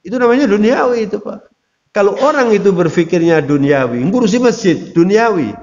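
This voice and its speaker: A man's voice: sits high, expressive, brisk, a little mellow. A man giving a conversational Islamic sermon, addressing listeners directly. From Indonesia. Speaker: Islamic preacher. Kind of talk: religious talk to an audience. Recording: lo-fi recording in a reverberant hall.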